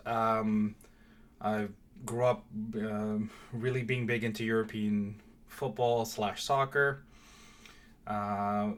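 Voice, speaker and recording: A young man from Mauritius giving a casual, hesitant channel introduction, full of fillers and restarts. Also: lowish voice. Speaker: vlogger. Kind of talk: casual direct-to-camera intro.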